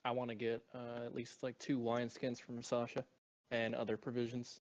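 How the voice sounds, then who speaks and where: A man's voice: medium pitch, completely flat delivery, normal speed, a little mellow. Easygoing male player, dull lo-fi mic. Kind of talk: tabletop game play.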